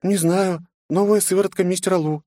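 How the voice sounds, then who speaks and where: A man's voice: sits high, fairly even intonation, a little fast, dark tone, no room sound, studio quality, pitched above the performer's own voice, close to an everyday voice. A man voicing a sweet, sing-song young woman who is secretly a deadly fighter, in a storybook reading. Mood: soft apologetic.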